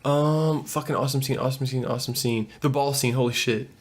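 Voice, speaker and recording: A man's voice: medium pitch, fairly even intonation, quick pace, breathy edge. Young man swearing through casual movie chat. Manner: swears a lot, retells scenes with quoted voices. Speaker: movie review co-host.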